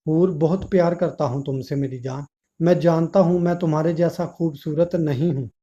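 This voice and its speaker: An earnest young husband who speaks tenderly and pleads when hurt, as a male storyteller puts him on. The voice sits fairly high but sounds warm and mellow, and the recording is dull and lo-fi. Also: fairly even intonation, moderate pace, lightly acted.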